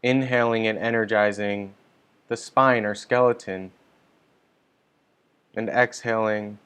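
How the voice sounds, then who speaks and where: A man leading a guided meditation online, giving calm, gentle, unhurried instructions. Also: on the low side, smooth. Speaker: meditation teacher. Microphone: online stream mic.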